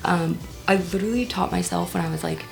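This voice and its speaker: A vlogger in her twenties chats casually at home while doing her makeup, poking fun at herself and dropping whispered asides. Her voice sits on the low side with a steady tone, vocal fry and a darkish quality, and she talks a little fast. Soft music plays in the background.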